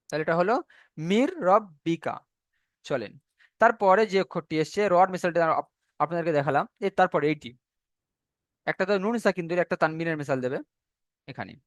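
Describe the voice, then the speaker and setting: A man with a fairly high voice teaches Quran recitation, walking through each rule step by step. He draws out the recited words slowly so they can be copied. The sound is close and dry, with no room echo. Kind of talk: online tajweed lesson.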